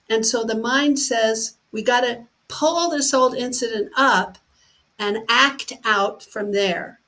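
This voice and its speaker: Woman, personal development speaker, slow deliberate pace, storytelling teaching talk. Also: a little high, fairly bright tone, poor audio. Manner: unhurried and explanatory, with vivid second-person scenarios.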